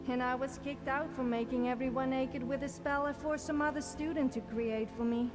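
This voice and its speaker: Sofia, cheeky higher-voiced adventurer voiced by a woman. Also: fairly even intonation, a little fast, close to an everyday voice. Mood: boastful, wry. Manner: cheeky, self-satisfied, dry. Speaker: video game follower character. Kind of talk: scripted game dialogue. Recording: music behind voice. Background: game music.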